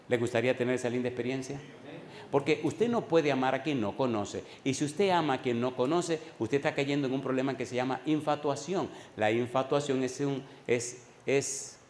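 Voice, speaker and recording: Male pastor, sermon delivery, swings loud and slows for weight, roomy echo. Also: medium pitch, slight background noise. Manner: preaching with sudden loud rises and slow emphatic drops.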